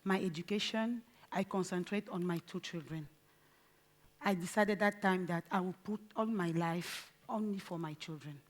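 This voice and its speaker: A woman in her forties from Cameroon, with a Cameroonian accent, giving an earnest, deliberate conference speech and pausing mid-phrase. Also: on the low side. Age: 40s. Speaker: conference speaker. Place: conference stage.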